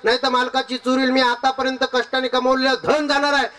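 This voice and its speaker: A man's voice: very high voice, level tone, fast, sharp tone, pitched above the performer's own voice. A man putting on an earnest pleading donkey. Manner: urgent, pleading. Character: hardworking loyal male donkey, earnest and pleading. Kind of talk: kirtan storytelling.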